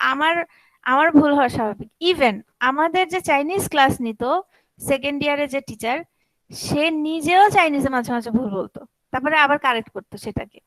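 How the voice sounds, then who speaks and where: A woman's voice: high-pitched, dry recording, low-quality recording. A young woman with a Bangladeshi Bengali accent teaching an online language class, patiently repeating vowel sounds.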